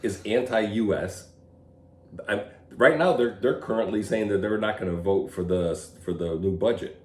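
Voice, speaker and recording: A man's voice: fairly low pitch, normal speed. A man co-hosting a podcast in casual political chat, blunt and opinionated, chuckling often. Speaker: podcast co-host. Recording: roomy echo, faint background hum.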